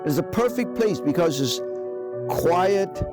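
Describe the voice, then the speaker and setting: A man's voice: sits high, lively intonation, slow, music in the background. Enthusiastic older man with Cantonese accent. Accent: Cantonese-accented English. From Guangzhou, China. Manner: enthusiastic, emphatic, broken English phrasing. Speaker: chef and presenter. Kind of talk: documentary presenting to camera.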